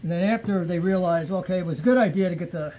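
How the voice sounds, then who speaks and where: A man with a thin, squeaky, reedy voice, explaining things casually and unscripted in a rambling, halting way as he thinks aloud. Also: warm tone, poor audio. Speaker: vintage chainsaw hobbyist explaining features.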